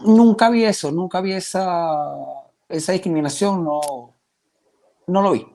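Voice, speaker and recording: A testimony guest in his twenties from Venezuela talks about his faith with a Venezuelan Spanish accent, earnest yet hesitant and full of restarts. He has a high voice with a dark tone and keeps a measured pace.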